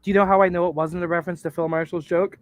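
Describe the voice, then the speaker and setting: A man's voice: high voice, level tone, very fast. A man chatting casually on a podcast, rambling with lots of "uh" and "like". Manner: rambling, fills with "uh" and "like". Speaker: podcast cast member. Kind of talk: casual chat.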